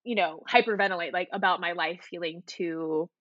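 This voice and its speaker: A woman in her thirties from Hawaii talks with a bright, forceful voice, rambling casually and leaning hard on "like." The sound is dry and a touch dull, as if captured on a modest home setup over a call. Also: lowish voice, fairly quick, no room sound. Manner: chatty, peppered with "like", casual swearing. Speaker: podcast guest, wedding photographer. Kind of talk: casual interview chat. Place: home apartment.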